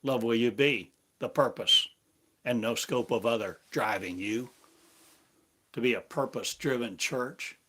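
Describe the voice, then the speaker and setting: A man preaches prophetically in God's voice, his mid-range delivery slow and solemn with long gaps between phrases. Background noise can be heard.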